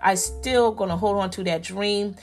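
A woman's voice: medium pitch, moderate pace, soft background music. A woman hosting a podcast, reading out listener locations in a casual way, stumbling over names and apologizing. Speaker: podcast host. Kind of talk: casual listener shout-outs.

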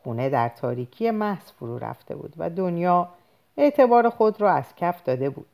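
Female audiobook reader, low voice, lively expressive delivery, dramatic literary narration. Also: vocal fry.

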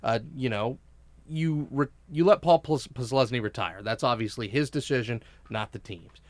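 A man co-hosting a sports talk show, arguing his opinions emphatically with quick restarts. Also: medium pitch, dry recording.

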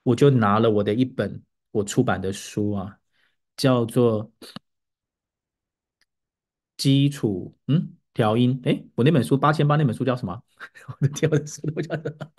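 Man, podcast host, English teacher, excited storytelling, sounds out words, voice climbs higher when thrilled. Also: normal speed, pauses often. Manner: animated storytelling, pitch rising as he gets excited; demonstrates English word intonation aloud. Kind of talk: casual podcast monologue.

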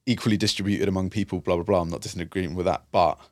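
A man with a very low, deep voice talks through his work in a thoughtful, halting way, often circling back with fillers and restarts. The sound is close and dry, with no room behind it. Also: fairly even intonation, darkish tone, dry recording. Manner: reflective, frequent fillers and restarts. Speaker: youth and community worker, guest. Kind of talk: conversational interview.

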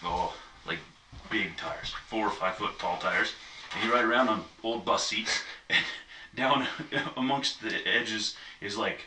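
In an easygoing chat, a man with a lowish, unhurried voice tells a long story packed with digressions. The recording has a distant mic, room echo, and faint noise.

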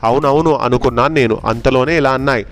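A man reading a fable aloud in a slow, deliberate storytelling manner, then explaining its lesson to a child. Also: mid-range voice, a little hiss or hum.

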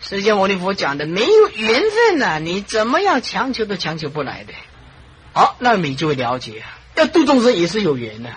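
A Buddhist monastic teacher giving a dharma talk, telling stories in an animated way, with frequent chuckles and repeated phrases. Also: mid-range voice, a little fast, noisy background.

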